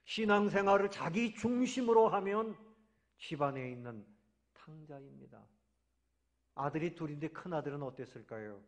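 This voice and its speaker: A man preaching a sermon as pastor, swinging between loud emphatic swells and soft low drops, sometimes acting out voices in his story. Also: moderate pace. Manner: acts out dialogue voices of the sons and father.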